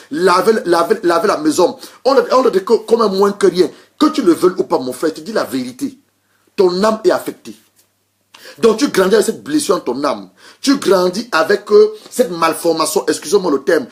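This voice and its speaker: A man preaching a sermon as pastor, driving points home by repeating phrases, with frequent restarts and hesitations, and greeting listeners by name. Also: high-pitched. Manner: emphatic repetition, welcomes online listeners.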